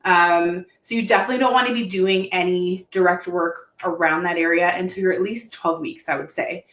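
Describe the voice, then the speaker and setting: A woman's voice: fairly low pitch, fairly even intonation, a little fast, fairly bright tone. A heavily pregnant woman, somewhat out of breath, giving a casual, informal live-stream lesson as a health therapist and checking in as she explains. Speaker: pelvic health therapist teaching. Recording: roomy, echoing sound.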